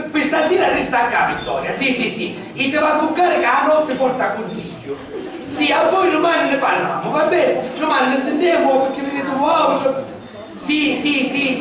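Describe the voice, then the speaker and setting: A lead actor in an amateur stage comedy, with a Sicilian accent and loud, exasperated comic banter. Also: high voice. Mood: soothing. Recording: echoey hall, taped from far off. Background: laughing audience in a large hall.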